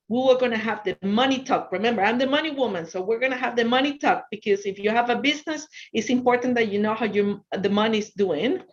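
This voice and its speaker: Speaking to students by video call, this guest speaker, a financial consultant, has an Ecuadorian Spanish accent as a native Spanish speaker. Her fairly high voice has a fairly bright tone, though the sound is somewhat dull and lo-fi. She stays encouraging, repeating phrases to emphasize them.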